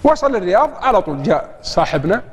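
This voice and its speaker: A Saudi preacher with a high, slightly breathy male voice speaks rapidly in a Saudi Arabic accent. He delivers a storytelling sermon, narrating with energy and acting out the dialogue, while a long hall reverb fills the recording.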